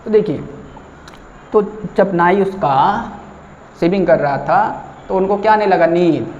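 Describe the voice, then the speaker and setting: High-voiced teacher, echoey. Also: male voice, a little slow, darkish tone. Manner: asks and answers his own questions, repeats lines. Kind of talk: tutorial lesson with story mnemonics. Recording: echoey, dull lo-fi room with faint noise.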